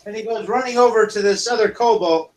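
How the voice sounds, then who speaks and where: A man's voice: high-pitched, quick pace, a little mellow, rough recording. A man narrating as dungeon master in a casual, rambling way. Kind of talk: narrating a tabletop game.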